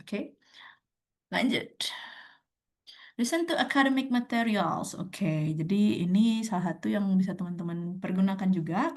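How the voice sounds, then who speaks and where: A woman's voice: medium pitch, a little mellow. Young woman, online webinar presenter, chatty with fillers and laughs, recorded on a video call mic. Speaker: speaker at an online sharing session.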